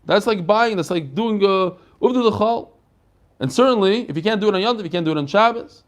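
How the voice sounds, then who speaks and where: A man with a distinctly high-pitched voice teaches a Talmud class as a rabbi. He reads short Hebrew and Aramaic phrases, then explains them in animated question and answer, acting out bits of dialogue. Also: a little fast. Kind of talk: Talmud lesson, reading and explaining text.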